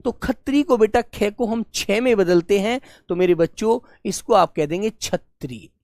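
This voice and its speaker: A man teaching an online language class, who asks each question again and again, calls his pupils "beta" and gently scolds them. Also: high-pitched, a little slow, no room sound. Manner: gently scolding, patient explainer. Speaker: Hindi teacher. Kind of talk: live online exam-prep class.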